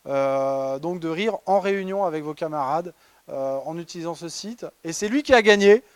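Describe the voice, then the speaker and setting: Chatty high-voiced French man presenting. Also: lively intonation, normal speed, smooth. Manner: ironic, chatty, many fillers and restarts. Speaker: conference presenter. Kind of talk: humorous award presentation. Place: conference hall.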